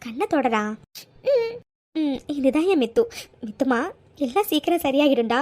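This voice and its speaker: A woman voicing a loving middle-aged mother in a cartoon story, coaxing and gently scolding her daughters. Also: high voice, animated, normal speed. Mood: tender. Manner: soothing, coaxing with "ha?" tags.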